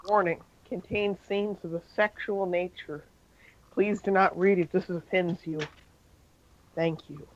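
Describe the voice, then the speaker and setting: A man's voice: sits high, fairly even intonation, measured pace, highs cut off, a little hiss or hum. A man reading a fan-fiction story aloud in an amateur style, with occasional slips and self-corrections.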